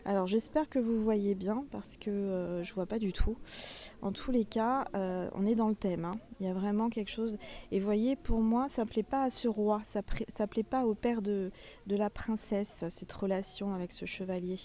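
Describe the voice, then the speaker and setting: A woman's voice: mid-range voice, moderate pace, warm tone. Chatty woman reading tarot outdoors. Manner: chatty, addresses viewers as little stars. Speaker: tarot reader. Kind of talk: casual spoken tarot reading. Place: outdoors in front of a castle, people around.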